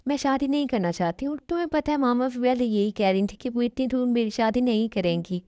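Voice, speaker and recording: A woman's voice: on the high side, fairly quick, warm tone, no room sound, studio quality, lightly acted. A woman dubbing a tearful young woman who pleads with her best friend, in an amateur dubbed love story. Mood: pleading. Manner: pleading, emotional.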